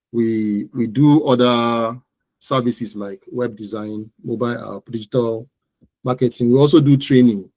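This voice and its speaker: A man with a Nigerian accent, a digital marketing entrepreneur, is a guest in a conversational interview about his own business, repeating phrases for emphasis. His mid-range voice has a darkish tone, with no echo in a low-quality recording.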